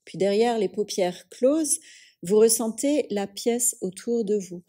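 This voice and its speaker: Leading a yoga nidra session, this woman teacher keeps her mid-range voice calm and soothing. Her phrases are measured, with long pauses in between.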